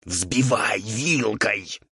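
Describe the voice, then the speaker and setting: A man's voice: lowish voice, extremely slow, bright, forceful tone, husky, no echo, clean studio sound, heavily acted. A man voicing a fussy, irritable male ghoul cook who hisses and scolds in a strained, altered timbre. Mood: scolding. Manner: scolding, bossy.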